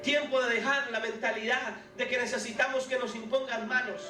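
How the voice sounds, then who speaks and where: In a big church hall, a male pastor preaches fervently, calling on listeners to have faith. He talks fairly quickly in a very high voice with fairly even intonation, heard through a distant mic amid echo and background music.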